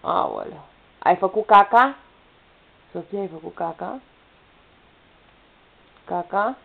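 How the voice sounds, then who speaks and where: A woman's voice: medium pitch, sing-song, creaky. Young mother coaxing her toddler, tinny. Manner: coaxing, repetitive prompts to a small child. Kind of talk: playful baby talk to a toddler. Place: home, in a room with a bed. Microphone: camera's built-in mic. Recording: tinny lo-fi home camera audio with faint noise.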